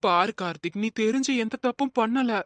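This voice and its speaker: A woman plays a patient young cartoon man with a somewhat high voice on a dry, close mic. He explains himself earnestly and steadily. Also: fairly quick, dry recording, natural voice. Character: calm, patient young man, a wronged husband. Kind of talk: Tamil cartoon voice acting.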